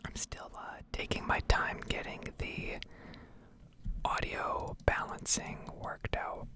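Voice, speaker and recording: Very softly and in a whisper, a woman drifts through a slow, halting ASMR ramble for her gaming videos. She's set up indoors at home with a Blue Yeti desktop mic.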